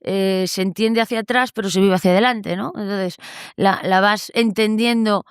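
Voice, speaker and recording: A young adult woman from Galicia, speaking as a guest in a conversational interview, thoughtful and pausing often with fillers and restarts. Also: mid-range voice, steady tone, smooth, no echo, studio quality. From Galicia, Spain.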